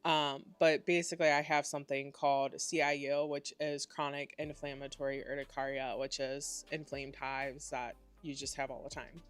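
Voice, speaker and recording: A woman's voice: very deep voice, flat delivery, moderate pace, few pauses, smooth, faint music behind. A woman hosting a live stream in casual, rambling chat, sounding congested and nasal. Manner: chatty and rambling, many "like"s. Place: at home at a computer.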